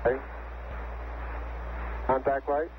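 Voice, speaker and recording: A man on a spacecraft crew gives short numeric callouts in radio communications, speaking slowly in a steady, mid-range voice. The archival link is tinny and noisy, crackling with beeps.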